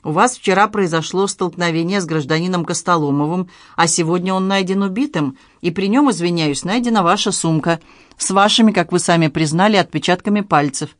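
A man's voice: high-pitched, brisk, fairly bright tone, no echo. A narrator puts on a stern, suspicious police major in an audiobook, curt and official. He questions with cool distrust. The sound is dry and close.

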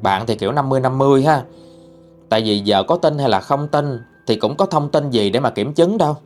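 A man's voice: mid-range voice, expressive, fairly quick, darkish tone, faint music behind. A man with a Southern Vietnamese accent narrating a ghost story in a casual, chatty way, talking straight to his listeners. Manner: chatty, addresses listeners directly.

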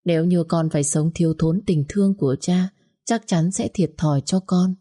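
A woman narrating a family story in a steady, measured way. Her voice sits low and sounds mellow and warm.

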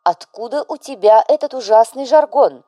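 Woman doing a bossy dramatic widow mom, loud and high, nagging her son, audiobook. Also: animated, moderate pace, no room sound, natural voice. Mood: stern. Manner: scolding, pressing, melodramatic. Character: overbearing widowed mother, fussy and dramatic.

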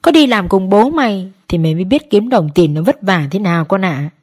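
A woman voicing a gruff older farmer who lectures his son, in a spoken story. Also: medium pitch, expressive, brisk, a little mellow, close to an everyday voice. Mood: scolding. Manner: scolding, lecturing. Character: gruff older male vegetable farmer, scolding father.

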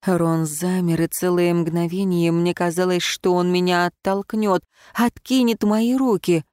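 A woman reading first-person fiction aloud in an expressive, emotional way. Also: fairly low pitch, a little slow, smooth, dry recording, clean studio sound. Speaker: audiobook narrator.

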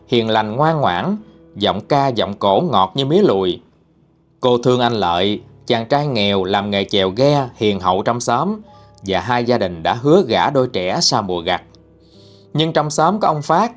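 A man with a Southern Vietnamese accent, hosting a channel and narrating ghost stories in a dramatic, expressive way. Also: medium pitch. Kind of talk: storytelling narration.

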